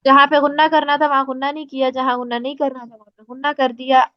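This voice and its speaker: High-voiced woman teaching Quran recitation. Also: level tone, dry recording. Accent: Pakistani Urdu. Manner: explains patiently, demonstrates recitation slowly. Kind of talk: casual spoken lesson. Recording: dry, slightly muffled recording.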